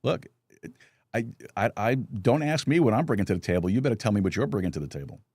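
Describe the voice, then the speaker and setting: Low-voiced man hosting a casual chat. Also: big pitch swings, fast, darkish tone, husky, no room sound, studio quality. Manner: storytelling with lots of restarts and chuckles. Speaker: podcast host.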